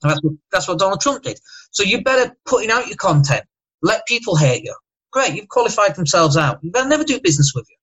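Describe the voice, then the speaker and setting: A man with a Northern English accent and a slight lisp speaks emphatically and motivationally as a guest in a casual podcast chat, tossing in rapid asides. His voice is high-pitched, very animated, fairly bright and slightly rough, and the audio quality is poor.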